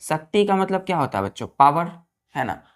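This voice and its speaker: A woman's voice: deep voice, very animated, fairly quick. A woman with an Indian accent teaching a vocabulary lesson, spelling words letter by letter, repeating them and asking the students check questions. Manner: addresses students as children, asks check questions.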